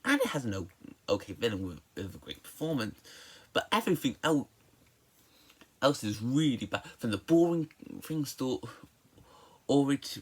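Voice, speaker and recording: In a slightly rough, medium-pitched voice, a person delivers an exasperated, emphatic movie review with strong casual opinions. Stammers are common, with words and syllables often repeated.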